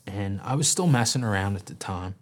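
A man's voice: fairly low pitch, expressive, a little fast. Man telling his story candidly. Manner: candid, drops to a near whisper at times; acts out quoted voices animatedly. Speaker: interview guest. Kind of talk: personal storytelling.

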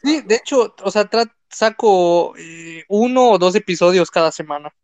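Chatting casually on a live stream, a young Mexican content creator with a Mexican Spanish accent rambles, with many fillers and restarts. His voice sits high yet has a darkish, clear, resonant tone, with lively intonation at a normal speed. No echo is present.

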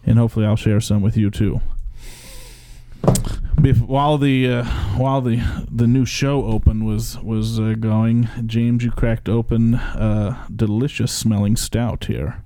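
A man's voice: on the low side, fairly even intonation, unhurried, warm tone, slight background noise. A man hosting a casual podcast from his basement home studio, upbeat and chatty, often restarting his sentences. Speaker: podcast host. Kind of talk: casual chat.

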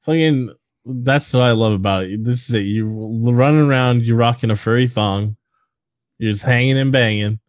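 A man's voice: medium pitch, moderate pace, no echo, clean studio sound. A man co-hosting a casual movie podcast, crude and joking, rambling with fillers. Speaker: podcast co-host.

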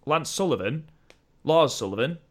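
A man co-hosting a podcast, chatting casually about wrestling in an animated, opinionated way that slides into rants. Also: a little high, normal speed. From United Kingdom. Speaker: podcast co-host.

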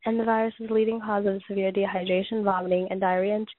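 A woman with a failing voice reads prepared notes aloud, stumbling, restarting and clearing her throat. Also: mid-range voice, little pitch movement. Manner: halting reading with frequent restarts and throat clearing. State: losing her voice, coughing. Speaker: podcast host reading points on a topic. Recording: tinny phone-like audio.

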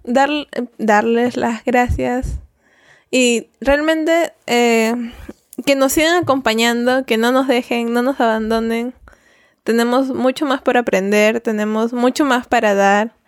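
A woman's voice: on the high side, steady tone, takes it slowly, no room sound, clean studio sound. A woman co-hosting a podcast, playful and teasing in casual chat. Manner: playful, teasing, laughs often. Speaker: podcast co-host.

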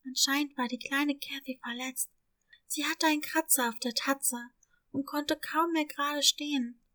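A woman calmly reading a children's story as narrator. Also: high-pitched, normal speed. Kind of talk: scripted narration.

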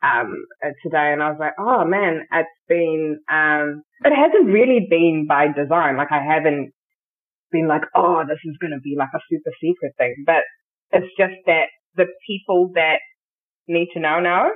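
A woman with a low voice, speaking at a moderate pace, is a podcast guest chatting casually with a friend. She's playful, giggly and informal, and the audio sounds tinny, like a phone call.

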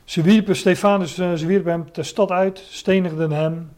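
A man preaching a Bible lesson in a warm, mellow voice that sits a little high. He reads scripture aloud and then explains it, stopping often to search for the next word. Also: fairly even intonation, moderate pace. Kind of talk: Bible teaching sermon.

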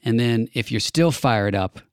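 A man's voice: medium pitch, unhurried, clean tone, no room sound, studio quality. A man hosting a casual political podcast chat, talking earnestly with plenty of thinking fillers. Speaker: podcast host.

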